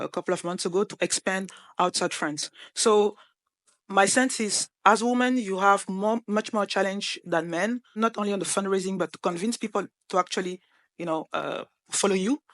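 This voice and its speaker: A woman's voice: medium pitch, normal speed, fairly bright tone. A woman from Cameroon, a startup founder speaking earnestly on a panel with frequent hesitations. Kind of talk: panel discussion.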